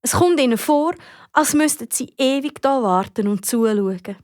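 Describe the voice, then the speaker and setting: A woman with a Swiss German accent narrating a children's audiobook in a lively, expressive way. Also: high-pitched, normal speed, no room sound, studio quality. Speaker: storyteller.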